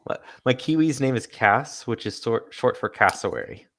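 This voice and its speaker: A man's voice: mid-range voice, lively intonation, moderate pace, fairly bright tone. A man playing a tabletop game who talks hesitantly, with many fillers. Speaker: player. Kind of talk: casual tabletop play.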